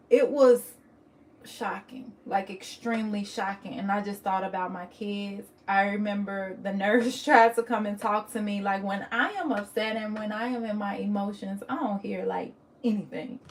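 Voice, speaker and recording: A woman's voice: medium pitch, fairly even intonation, unhurried, a little hiss or hum. Young woman telling a personal story. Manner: emotional, candid, with many fillers and restarts. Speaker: vlogger.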